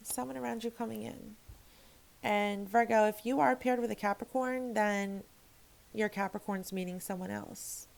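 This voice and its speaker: Gravelly, frank-talking woman tarot reader. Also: mid-range voice, fairly even intonation, normal speed, low-quality recording. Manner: frank and emphatic, swears freely, rambles with restarts. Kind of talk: casual tarot reading to camera.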